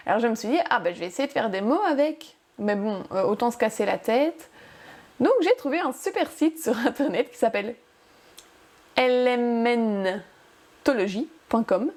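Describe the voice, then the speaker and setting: A woman with a fairly high voice hosts a crafting tutorial. She talks in a chatty, upbeat way and walks the listener through each step. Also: lively intonation, fairly quick, a little mellow. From France. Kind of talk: casual how-to tutorial.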